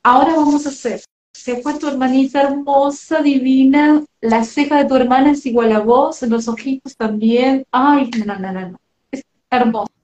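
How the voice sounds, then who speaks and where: A woman's voice: high voice, steady tone, moderate pace, darkish tone, lo-fi sound. Tender Rioplatense woman in echoey room. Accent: Rioplatense Spanish. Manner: tender, affectionate, relaying messages. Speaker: medium hosting a live session. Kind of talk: live spiritual reading.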